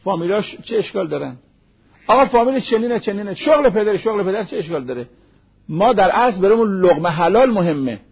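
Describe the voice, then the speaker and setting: A man with a husky voice pitched high preaches a sermon. He drops into a slow recitation for Arabic verses and fires off rhetorical questions. The sound is dull and lo-fi, like an old radio broadcast. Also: lively intonation. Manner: rhetorical questions, acts out imagined speakers. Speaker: cleric. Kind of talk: sermon on marriage.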